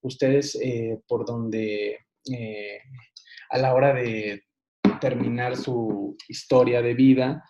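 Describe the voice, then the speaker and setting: A man giving a recorded online lesson, unhurried, with frequent hesitations and restarts. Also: medium pitch, fairly even intonation, warm tone. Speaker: teacher. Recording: dull lo-fi recording.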